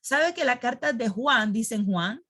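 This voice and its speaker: A woman's voice: fairly high pitch, animated, measured pace, sharp tone. Woman teaching a Bible class. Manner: quizzes the class, repeats key words, checks in with "¿ok?". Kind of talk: Sunday school lesson.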